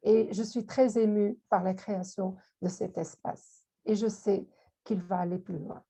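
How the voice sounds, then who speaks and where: A woman giving an emotional thank-you speech, halting and repeating words as she goes. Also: medium pitch, fairly even intonation, warm tone, breathy edge. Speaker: panelist at online launch.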